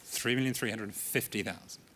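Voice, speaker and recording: Bright-voiced male auctioneer calling bids. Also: lowish voice, slight background noise. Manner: brisk, rhythmic calling of bids. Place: auction room in a hotel.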